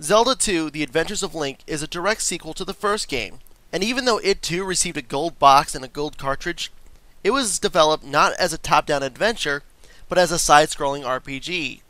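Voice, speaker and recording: A man's voice: on the high side, animated, fairly quick, dry recording, poor audio. A man delivering an opinionated, scripted video game review as narration. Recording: loud music bed under voice. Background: loud music.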